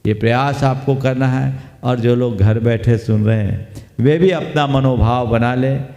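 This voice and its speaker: A man, a monk giving a sermon to an audience, speaking slowly like a teacher and quizzing his listeners. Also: medium pitch, fairly even intonation, vocal fry, warm tone. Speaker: Jain monk preacher. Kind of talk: sermon discourse. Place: hall with an audience. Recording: long reverb of a hall.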